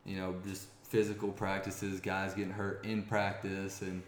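Low-voiced man telling a game story. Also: normal speed, a little hiss or hum. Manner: rambling, many restarts, grows excited. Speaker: former college quarterback guest. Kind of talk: casual storytelling interview. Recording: echoey room.

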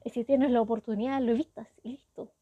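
A woman's voice: on the high side, steady tone, fast talker, no room sound, phone-quality sound. A woman with a Chilean accent casually recapping a story, chatty and wry with indignant asides. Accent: Chilean Spanish.

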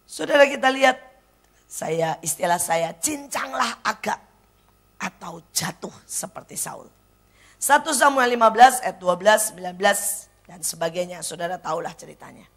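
A woman evangelist with an Indonesian accent preaching a blunt church sermon, dropping to hushed near-whispers and then rising to loud exclaims. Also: fairly low pitch, expressive, moderate pace. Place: church service.

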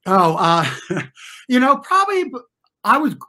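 As an interview guest, a middle-aged former competitive swimmer from New York and New Jersey reflects on personal stories in an American accent. His high-pitched voice swings hugely in pitch and sounds pushed and bright. He speaks informally and haltingly, often going back to rephrase.

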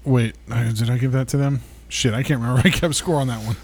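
A man co-hosting a podcast, trading crude jokes in lively, casual banter. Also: medium pitch, quick pace, no room sound. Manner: crude, joking, animated. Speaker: podcast co-host.

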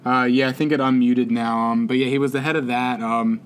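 A man's voice: medium pitch, little pitch movement, brisk, slight background noise. A man co-hosting a sports podcast, talking loosely and rambling with lots of fillers and laughter. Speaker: podcast co-host. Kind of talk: casual sports chat.

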